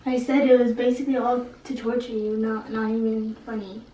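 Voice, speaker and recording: A woman's voice: on the high side, flat delivery, fairly quick, warm tone. A woman chatting casually and asking quiz questions in a challenge video. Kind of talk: casual chat. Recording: echoey room, distant mic, faint music.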